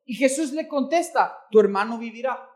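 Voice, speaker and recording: Brief: male pastor, high voice, reads scripture and explains it for an interpreter. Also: lively intonation, moderate pace. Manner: corrects his own misreadings. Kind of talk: bilingual sermon with interpreter.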